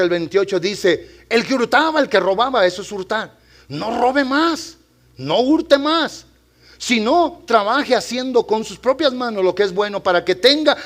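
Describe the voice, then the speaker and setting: High-voiced preaching man. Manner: swings between loud preaching and quiet storytelling. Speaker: pastor. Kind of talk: sermon. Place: church.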